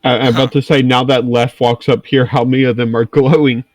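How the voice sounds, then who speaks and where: Excitable man at the game table. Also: mid-range voice, brisk, no echo, rough recording. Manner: excitable, speculating aloud. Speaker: player. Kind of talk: casual tabletop game chat.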